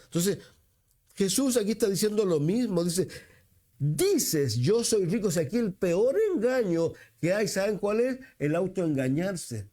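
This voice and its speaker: A man with a Chilean accent preaching a sermon as pastor, often repeating himself for emphasis, asking the congregation questions and rising in pitch when he quotes scripture. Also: lively intonation, normal speed, mellow. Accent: Chilean Spanish.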